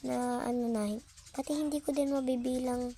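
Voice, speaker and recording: A woman's voice: high voice, level tone, normal speed, warm tone. A young woman, casually commenting on her gameplay, stumbling over words and apologizing. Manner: stammering, apologetic, self-laughing. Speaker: gaming YouTuber.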